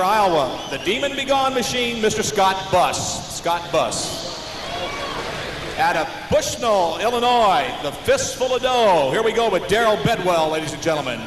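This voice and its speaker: An American man working as a tractor pull announcer, introducing competitors live with showy, drawn-out names. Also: sits high. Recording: noisy, echoing arena PA with long reverb.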